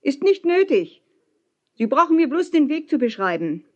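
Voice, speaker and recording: A woman voicing a hot-tempered young teacher who shouts back in an indignant way. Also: medium pitch, huge pitch swings, a little slow, muffled recording. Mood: shouting. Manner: shouting over wind, indignant.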